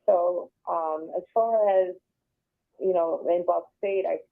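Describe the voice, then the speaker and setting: A middle-aged woman from Buffalo, New York, speaking as a guest in a radio interview on a phone line, soft-spoken and reflective, with hesitant restarts. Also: fairly low pitch, steady tone, takes it slowly, creaky. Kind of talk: conversational interview. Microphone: phone call.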